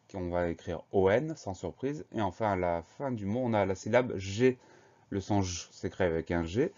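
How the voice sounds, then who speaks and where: A man teaching a spelling lesson, spelling each word slowly and carefully, letter by letter. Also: lowish voice, a little mellow, muffled recording.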